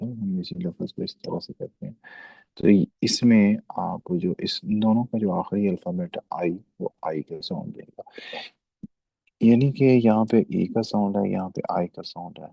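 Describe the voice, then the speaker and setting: A low, gravelly male voice with a dark, husky tone talks students through German sounds. He explains patiently and repeats his points, and he keeps checking that everyone understood. The sound is dry and close. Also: no room sound, rough recording. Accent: Pakistani. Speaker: German language teacher. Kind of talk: classroom lesson explanation.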